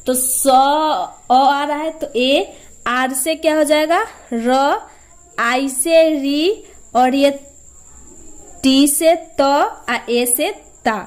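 A woman with a high voice gives a patient, step-by-step spelling lesson. She speaks slowly, repeating each sound and answering her own questions as she goes. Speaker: teacher.

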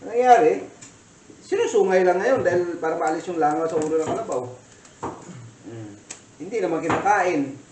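A man's voice: fairly high pitch, expressive, moderate pace, pauses often, darkish tone, reverberant, far from the mic, slight background noise, poor audio. Filipino man chatting while he cooks. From Philippines. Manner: rambling storytelling with many fillers. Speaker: cooking vlogger. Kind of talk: casual cooking chat. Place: kitchen.

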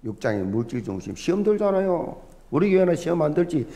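A man's voice: fairly high pitch, big pitch swings, fairly quick. A middle-aged male pastor with a Busan accent, preaching a sermon in an emphatic, folksy, humorous way. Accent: Busan Gyeongsang dialect. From Busan, South Korea. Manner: emphatic, swinging from loud stresses to soft asides.

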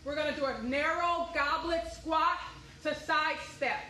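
A woman's voice: sits high, unhurried, pushed and bright, reverberant, poor audio. A young woman working as an aerobics instructor, leading a workout with short motivational cues and counts, recorded from a few steps away in an indoor room. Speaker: fitness class instructor. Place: medium-sized indoor activity room with hard floor. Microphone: camera or phone a few steps away.

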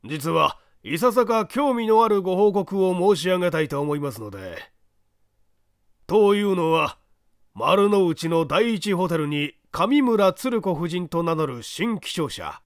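A man voicing a sly phantom thief who speaks in a hoarse old man's voice, mockingly polite and unhurried. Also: high-pitched, expressive, no room sound, clean studio sound, voice pushed up. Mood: mocking politeness. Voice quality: hoarse, gravelly. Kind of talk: audiobook character voice.

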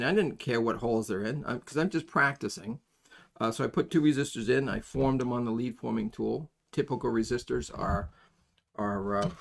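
An older man with a clearly creaky, gravelly voice of average pitch teaches soldering at an indoor workbench. He demonstrates each step while rambling informally in a folksy, halting way.

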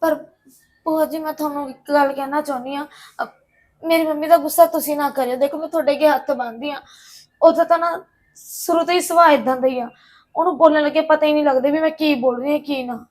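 Woman playing a stressed young wife venting to her auntie, highish voice, anxious. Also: fairly even intonation, quick pace, natural voice. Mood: worried. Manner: anxious, pleading. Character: worried young married woman, caught between family. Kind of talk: Punjabi drama acting.

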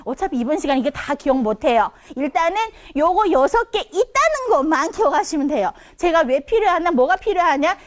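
A woman's voice: high-pitched, big pitch swings, fairly quick, few pauses. A woman teaching a Chinese conversation class online for seniors. She asks questions and answers them herself, and she swings her voice up and down to show the sounds.

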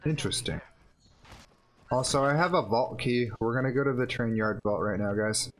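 A young man streaming a shooter game, chatting casually and excitedly with a friend, swearing often. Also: mid-range voice, normal speed. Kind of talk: casual gaming chat.

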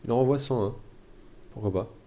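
A man hosting a strategy-game let's play, thinking aloud in trailing mutters and soft asides. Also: medium pitch, a little fast. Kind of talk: gameplay commentary.

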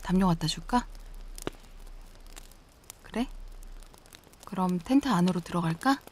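A woman in a whispered role-play as an affectionate girlfriend, teasing and giggling softly. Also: lowish voice, animated, measured pace, a little hiss or hum. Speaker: ASMR role-play performer.

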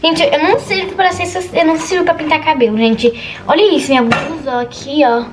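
Nervous high-voiced girl vlogging. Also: fairly quick, distant mic, music in the background. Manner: nervous, chatty, says "gente" constantly. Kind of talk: casual vlog chat. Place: bedroom at home. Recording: echoey room with background noise. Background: household noise.

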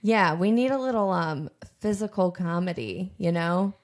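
A woman's voice: on the low side, lively intonation, normal speed. Chatty, enthusiastic woman co-host. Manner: enthusiastic, chatty, laughs often. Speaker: cartoon creator and podcast co-host. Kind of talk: casual brainstorming chat.

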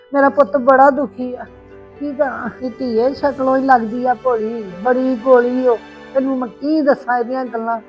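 A woman's voice: high-pitched, close to an everyday voice. A woman playing a middle-aged Punjabi aunty, an aggrieved, plaintive mother-in-law in an amateur family drama. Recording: dull lo-fi sound with background music.

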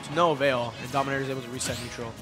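A man doing excited live esports commentary, swearing freely and breaking into loud outbursts at big plays. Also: mid-range voice, very fast, over music.

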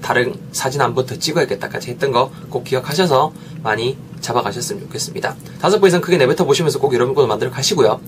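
A man teaching English phrases in a lively way, saying each sentence slowly for learners to repeat. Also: mid-range voice, noisy background. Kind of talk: English lesson.

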